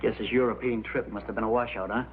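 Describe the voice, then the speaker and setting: A man's voice: on the low side, fairly even intonation, quick pace, noisy background, close to an everyday voice. An actor playing a wealthy, gullible businessman eager to back a scheme in a vintage crime drama. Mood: curious. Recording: tinny, muffled old TV soundtrack.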